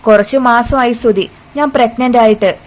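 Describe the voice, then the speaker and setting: A woman's voice: on the high side, moderate pace, natural voice, poor audio. A woman doing a tearful young daughter-in-law. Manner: pleading, tearful. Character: frightened young daughter-in-law who keeps crying.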